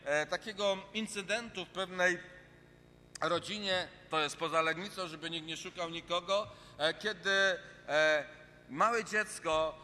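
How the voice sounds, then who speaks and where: A man's voice: high-pitched, measured pace, bright, forceful tone, a little hiss or hum. Earnest preacher man in a reverberant hall. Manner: earnest, repetitive phrasing with hesitant fillers. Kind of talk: sermon. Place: church hall. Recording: long reverb of a large hall.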